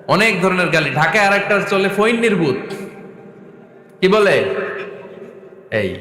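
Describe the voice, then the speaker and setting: A man's voice: fairly high pitch, pushed and bright. A man preaching a sermon to a large crowd, impassioned, calling out for the crowd's answers and chanting scripture in a melodic recitation. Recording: echoey public-address sound with long reverb.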